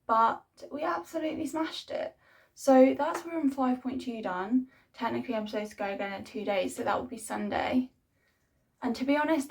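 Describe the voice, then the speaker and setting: A woman's voice: fairly high pitch, a little mellow. A young adult woman talking casually to her video diary as a fitness vlogger, rambling informally and saying "like" and "honestly" a lot.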